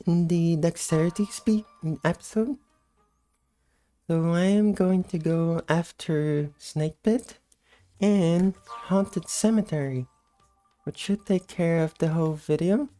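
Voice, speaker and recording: A woman giving casual, unhurried gameplay commentary in a sleepy, just-woke-up morning voice. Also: fairly low pitch, warm tone, faint music behind. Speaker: gameplay host.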